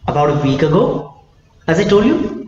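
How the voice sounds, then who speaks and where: A man's voice: a little high, very animated, moderate pace, a little mellow. A young man playing an impatient, complaining customer in a role-play. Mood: grudging. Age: young adult. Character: irate young male customer threatening to sue. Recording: very echoey hall-like room, dull, faint noise.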